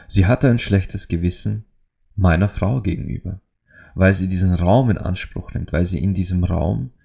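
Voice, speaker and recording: Deep creaky-voiced guy doing a solo podcast, earnest and emotional, keeps restarting his sentences. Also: mellow. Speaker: podcast host. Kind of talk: reflective solo podcast monologue.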